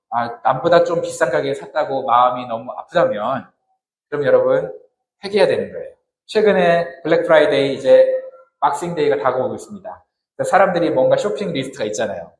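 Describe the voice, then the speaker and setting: A male pastor with a somewhat high voice preaches in a chatty, questioning manner. He keeps turning to the congregation as he speaks. The recording is amateur and rings with strong echo from the church hall. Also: a little mellow. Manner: conversational, asks the congregation questions. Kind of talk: sermon.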